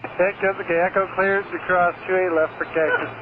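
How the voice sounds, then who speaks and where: A man's voice: sits high, fairly even intonation, brisk. A man, an airline pilot, giving clipped readbacks to air traffic control over the radio. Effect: aviation radio. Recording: tinny radio channel with clear static.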